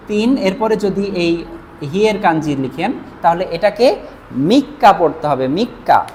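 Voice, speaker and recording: A woman whose first language is Bengali teaches a language class, writing as she talks and repeating each reading slowly and patiently. Her voice sits at a middle pitch for a woman. A faint hiss of background noise runs under the recording. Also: a little mellow. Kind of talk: whiteboard language lesson.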